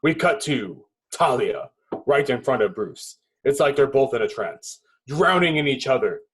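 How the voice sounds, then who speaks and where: As narrator at a table read, a man reads the stage directions in dramatic, clipped phrases broken by pauses. His mid-range voice has lively intonation and a breathy edge.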